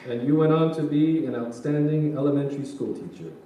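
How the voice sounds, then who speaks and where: A man's voice: a little high, lively intonation, a little fast, lightly acted. A man playing a grumbling, joking middle-aged son in a staged reading, casual and colloquial. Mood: upbeat. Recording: echoey hall, distant mic, faint noise.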